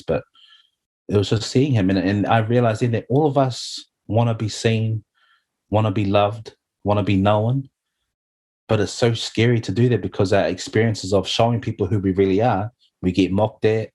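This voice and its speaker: A man's voice: on the low side, a little mellow. A middle-aged man, sharing his story earnestly and heartfelt as an interview guest, often saying "you know". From New Zealand.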